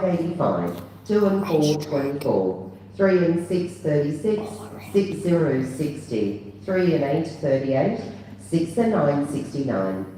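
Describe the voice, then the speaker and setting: A woman working as a bingo caller, announcing numbers digit by digit in a measured, formulaic rhythm with falling endings. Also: sits low, dark tone. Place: large echoing bingo hall. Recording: echoey hall, distant PA sound, faint noise.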